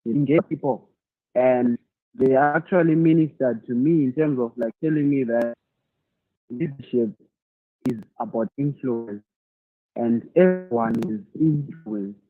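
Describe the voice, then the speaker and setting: A man from Zimbabwe speaks at a middle pitch in an online masterclass, thinking aloud and often restarting his sentences. His voice comes through a narrow, tinny video-call line with a dry sound and no room around it. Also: dry recording. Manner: thoughtful, halting, repeats words while searching for them. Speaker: leadership speaker answering questions. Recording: tinny phone-like audio.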